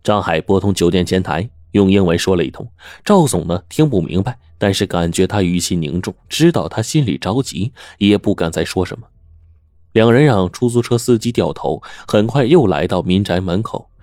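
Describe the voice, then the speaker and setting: A man narrating a dramatic story in animated oral storytelling style. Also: deep voice, moderate pace, dry recording, studio quality.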